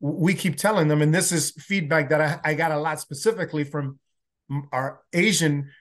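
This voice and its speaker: Speaking fairly quickly with a fairly high, quite even voice, a man guests on a podcast in a casual interview. He is a Salvadoran native Spanish speaker with a faint accent who works as a workplace learning consultant, and he talks earnestly, repeatedly restarting his words.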